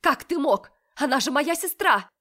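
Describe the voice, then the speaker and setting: A woman's voice: high voice, lively intonation, normal speed, voice pushed up. A woman doing a furious betrayed young sister. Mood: shouting. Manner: shouting, accusing.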